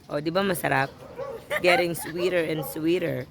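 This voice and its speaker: A woman's voice: deep voice, steady tone, normal speed, creaky, a crowd in the background. A woman with a Filipino accent chats casually at home in mixed Tagalog and English, teasing and coaxing like a parent. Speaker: parent filming a child's taste challenge.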